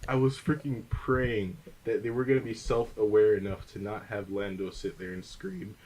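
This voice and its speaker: A man's voice: on the low side, flat delivery, moderate pace, warm tone, a little hiss or hum, low-quality recording. Exasperated young man griping on a podcast. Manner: exasperated, swearing, filler 'like'. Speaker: podcast co-host. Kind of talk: casual movie discussion.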